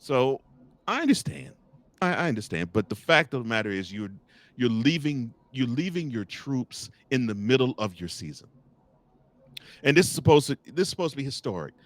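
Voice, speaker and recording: A man hosting a college football podcast, giving teasing, animated commentary with frequent restarts and laughs. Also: mid-range voice, normal speed. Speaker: podcast host. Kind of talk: sports talk commentary.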